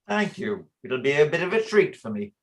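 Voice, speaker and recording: A man's voice: a little high, sing-song, moderate pace, a bit bright. A man playing a blunt, argumentative, practical theatre man in a stage play reading, blustering as he talks. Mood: dry. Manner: blustering, interrupting.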